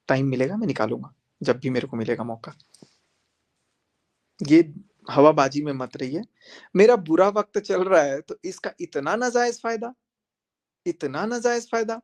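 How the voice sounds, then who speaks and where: A man on a live stream, speaking confrontationally and repeating himself as he calls a rival to join him. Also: mid-range voice. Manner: confrontational, repetitive, addressing viewers directly. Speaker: livestreamer.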